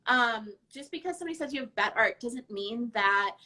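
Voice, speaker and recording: A woman with a fairly high and strikingly bright voice hosts a live stream. She talks casually and without a script, as a podcast host addressing followers informally. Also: lively intonation, a little fast.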